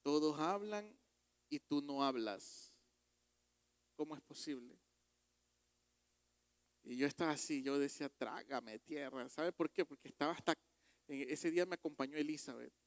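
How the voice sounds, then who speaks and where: A man preaching a sermon as pastor, emphatic and rising to loud exhortations. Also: fairly high pitch, normal speed, long pauses, no echo. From Ecuador.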